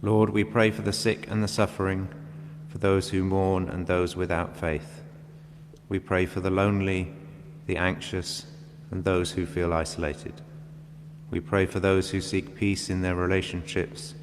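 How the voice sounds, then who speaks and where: A man reading prayers of intercession in a solemn, measured liturgical style inside a reverberant church. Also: low-pitched, level tone. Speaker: reader of intercessions. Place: large reverberant church, indoors. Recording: long church reverb, background hum.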